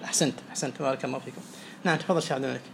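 A man teaching Arabic morphology, quizzing students and briskly praising each answer. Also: mid-range voice, fairly even intonation, vocal fry. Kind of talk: oral quiz lesson. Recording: faint background noise.

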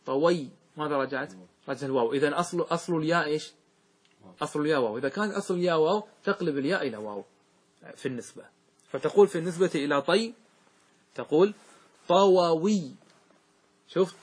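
A middle-aged male scholar leads a grammar lesson in a somewhat high, husky voice. He keeps quizzing his students and repeats example words, drawing them out slowly. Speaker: religious scholar teaching grammar. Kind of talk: classroom lesson with questions to students.

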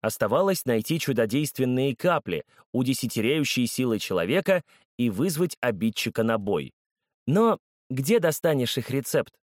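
A man narrating a children's story in an expressive, animated way. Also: medium pitch, moderate pace, no echo, studio quality.

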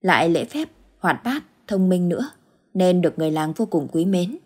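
A woman narrating a ghost story in steady, measured scripted storytelling. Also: lowish voice, breathy edge.

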